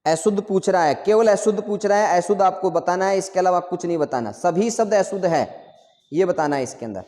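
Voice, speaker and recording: A man's voice: high-pitched, a little fast, warm tone, long reverb tail. A male teacher giving an online exam-prep lesson, repeating answers and quizzing his students again and again.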